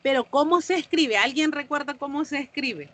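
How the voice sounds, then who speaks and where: Explaining woman teacher, high voice. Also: normal speed, a bit bright. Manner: explanatory, asks the class questions. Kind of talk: online class lecture.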